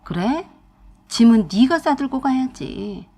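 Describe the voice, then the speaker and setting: A woman's voice: high-pitched, animated, slow, heavily acted. A woman voicing a defiant young wife who talks back bluntly to her mother-in-law and husband in a radio-drama story. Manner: blunt, sharp, talking back.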